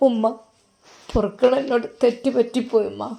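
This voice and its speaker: A woman's voice: on the high side, fairly even intonation, a little fast, gravelly, lo-fi sound. A woman voicing a remorseful young wife, pleading and apologetic.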